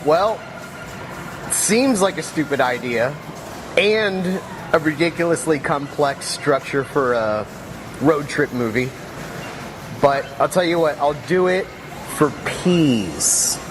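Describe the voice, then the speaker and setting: A man's voice: a little high, lively intonation, slow, long pauses, noisy background. A man playing a grumbling, sarcastic sidekick, trading wisecracks in comic banter. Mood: grudging. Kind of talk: comedic banter.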